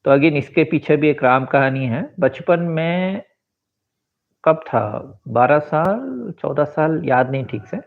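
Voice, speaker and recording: A man's voice: a little high, expressive, vocal fry. Man in his forties on a tinny line. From India. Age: 40s. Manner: rambling, switches into English phrases, fills pauses with asides. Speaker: vlogger and author. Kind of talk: reflective personal monologue. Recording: tinny phone-like sound.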